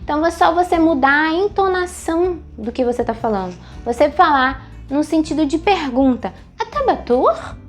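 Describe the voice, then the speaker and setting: A woman gives an online language lesson in a fairly high voice. She explains step by step, repeats her examples and checks in with rhetorical questions, with faint music underneath. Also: animated, moderate pace, few pauses. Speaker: Hebrew teacher.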